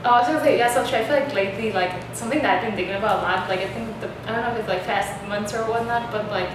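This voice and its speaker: A young woman hosting a relaxed chat who rambles along, filling her talk with "like" and "um". Her voice comes from a distance in a strongly echoing room. A clear noise bed sits underneath. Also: mid-range voice, very fast. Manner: rambling, many fillers like "like". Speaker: host. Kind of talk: casual chat. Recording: echoey room, distant mic, noisy.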